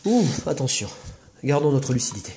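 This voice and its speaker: With a warm, sing-song, mid-range voice, this host chats through a casual video, listing every trading card he pulls with brief remarks. There's slight background noise.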